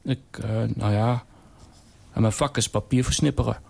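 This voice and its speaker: A man's voice: medium pitch, steady tone, normal speed, creaky, mellow, husky. A man doing a stammering meek paper shredder. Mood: hesitant. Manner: stammering, hesitant. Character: timid new paper shredder, male, hesitant and meek.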